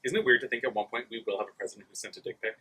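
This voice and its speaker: A man's voice: on the low side, steady tone, rapid-fire, sharp tone, husky, far from the mic. A man in casual comedic chat, bantering playfully with a mock-serious manner.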